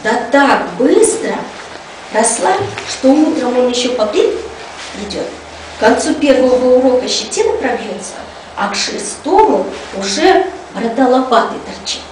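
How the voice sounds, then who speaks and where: A woman with a high, animated, darkish voice speaks at a moderate pace, playing a chatty, folksy school cleaning lady who tells children gossipy tales in colloquial language. The storytelling is recorded on a distant mic in an echoey, noisy room.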